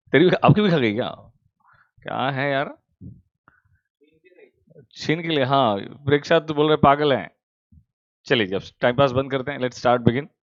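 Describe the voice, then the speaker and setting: A male commerce teacher, at home, in casual chat with students before an online class, teasing them warmly. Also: mid-range voice, dry recording. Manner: teasing, affectionate, calls students beta. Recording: dull, dry lo-fi sound.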